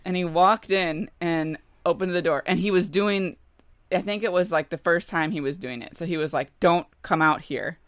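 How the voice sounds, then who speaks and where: A woman's voice: fairly low pitch, normal speed, no echo, clean studio sound. A woman in her thirties chatting casually, telling a story and acting out the quoted lines.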